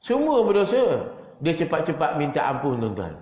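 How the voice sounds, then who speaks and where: High-voiced Malaysian preacher in an echoey mosque. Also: male voice, wildly swooping pitch, normal speed, darkish tone. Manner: addresses listeners as "tuan-tuan" again and again, swinging pitch. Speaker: religious teacher. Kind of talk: evening mosque lecture. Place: mosque hall. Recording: echoey mosque hall, dull lo-fi sound.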